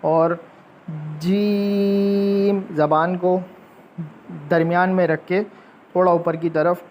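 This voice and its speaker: Man, Quran teacher, slow patient lesson, repeats letters, flat delivery, slightly high voice. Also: slight background noise. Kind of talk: slow spoken tajweed lesson with drawn-out letter demonstrations.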